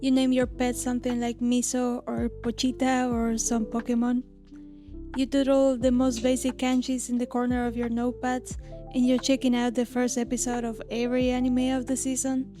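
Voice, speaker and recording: 30s woman from argentina, higher-ish voice but kinda flat, story time narration, lo-fi music playing under it. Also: moderate pace. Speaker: illustrator and channel host.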